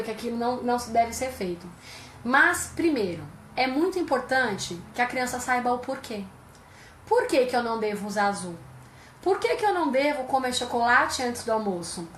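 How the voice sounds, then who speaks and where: A woman's voice: a little high, fairly bright tone, reverberant, a little hiss or hum. Brazilian woman psychologist explaining. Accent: Brazilian Portuguese. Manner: explanatory, uses rhetorical questions. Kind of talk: live-stream conversation.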